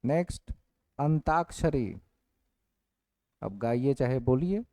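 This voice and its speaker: A male teacher giving an online exam-prep class, dictating points slowly and repeating each one. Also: medium pitch, lively intonation, mellow, no room sound. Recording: dry, phone-like lo-fi audio.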